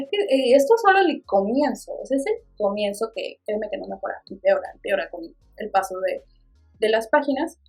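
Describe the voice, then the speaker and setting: Mexican girl doing a book vlog, kinda high and breathy, expressive and playful. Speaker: book vlogger. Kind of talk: casual book review chat.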